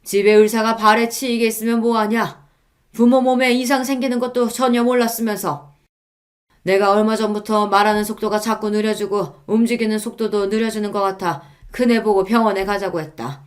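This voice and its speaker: A woman voicing a stern elderly father-in-law who scolds his family in a firm, measured way. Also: on the low side, fairly even intonation, natural voice.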